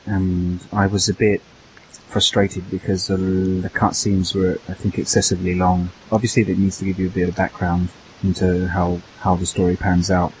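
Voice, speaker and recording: A man's voice: low-pitched, a little hiss or hum, poor audio. Hesitant man chatting about games. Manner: hesitant, restarts and repeats words while thinking. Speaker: podcast co-host. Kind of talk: casual gaming podcast chat.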